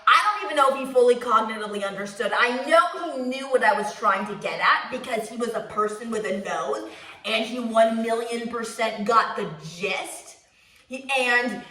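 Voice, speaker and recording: A woman hosting a podcast, telling a story in a fast, profane, self-mocking ramble. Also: on the high side, bright, forceful tone, distant mic. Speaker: podcast host. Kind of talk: casual storytelling monologue. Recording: echoey room, off the mic.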